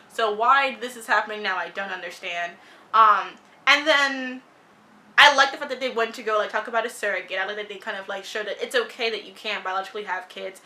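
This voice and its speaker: A woman's voice: a little high, bright, forceful tone. A young woman reviewing a TV show in casual, opinionated chat, blunt and sarcastic, swearing freely and saying "like" a lot.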